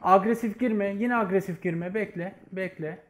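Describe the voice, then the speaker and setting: A man leading his team, shouting quick commanding callouts during a match. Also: high-pitched. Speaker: team leader and streamer. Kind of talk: live game commentary and callouts.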